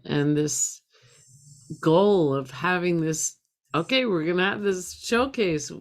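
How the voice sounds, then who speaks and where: Low gravelly woman, reflective. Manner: reflective, rambling, restarts often. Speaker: artist presenting a project. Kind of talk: reflective live presentation on a video call. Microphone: video call.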